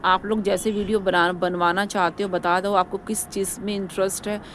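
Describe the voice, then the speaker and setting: A woman's voice: medium pitch, level tone, moderate pace, a little hiss or hum. A woman vlogger giving her opinions in a casual, rambling way, repeating herself and lecturing her viewers. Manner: rambling, repetitive, preachy.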